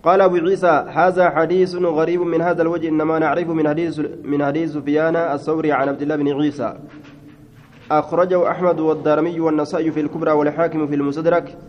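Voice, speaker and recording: A man's voice: a little high, little pitch movement, racing. A man giving a hadith lesson, reading the Arabic text aloud and explaining it in Oromo, on a dull lo-fi recording. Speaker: hadith teacher. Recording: dull lo-fi recording with faint noise.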